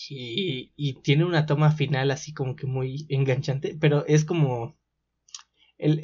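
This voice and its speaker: Over a dull lo-fi recording, a man with a Mexican accent co-hosts a podcast, chatting casually about a TV series. His voice is a little high with a darkish tone, and he laughs often and explains at length with plenty of fillers.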